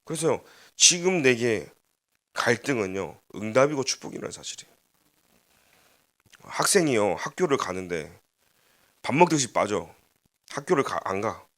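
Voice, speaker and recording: A man preaching a sermon as pastor, animated, with rhetorical questions and quoted inner voices. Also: mid-range voice. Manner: leads congregation in unison scripture reading, slowed.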